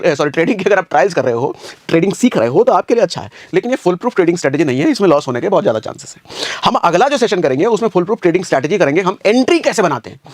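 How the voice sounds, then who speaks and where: A man with a high voice talks quickly through a screen-share trading lesson, walking step by step over a chart and repeating key points. He talks casually to the viewer as a brother and keeps asking rhetorical questions. The sound is dry and close. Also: dry recording. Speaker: trading teacher.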